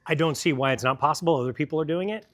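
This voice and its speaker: A man's voice: a little high, very fast, fairly bright tone. A man presenting a product in a store demo, talking casually and explaining technical details to a crowd.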